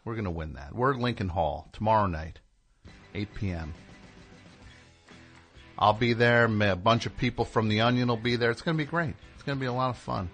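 A man hosting a live radio show, rambling in casual chat with sudden loud yelled bursts. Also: on the low side, fairly quick, long pauses, faint music behind.

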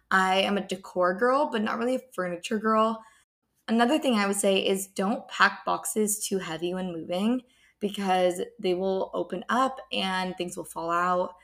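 A woman's voice: medium pitch, a bit bright. Young woman in an echoey empty room. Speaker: podcast host. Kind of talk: casual advice monologue. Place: indoors, unfurnished apartment with bouncing sound.

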